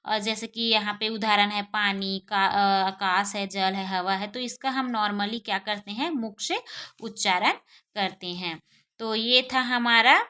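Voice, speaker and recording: Bright-voiced woman teaching grammar. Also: fairly high pitch. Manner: asks the class questions then answers them; often adds tag questions to check understanding. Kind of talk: Hindi grammar lesson.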